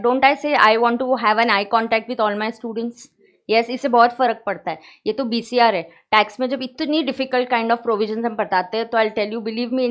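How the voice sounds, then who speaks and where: A woman teacher with an Indian English accent lectures a room of students, her voice sitting high. She slows right down to dictate notes, then speeds up to call out anyone not paying attention. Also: fairly bright tone. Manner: dictating notes slowly, addressing students directly. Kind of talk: classroom lecture mixing Hindi and English. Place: classroom with students.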